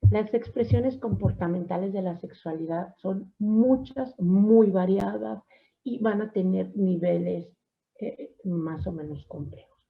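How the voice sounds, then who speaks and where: A woman teaching a psychology class, with a gravelly, creaky edge to her voice. She lectures at an even, middling pitch, asks the class questions and drops short affirming "ujú" sounds. The recording is dull and lo-fi.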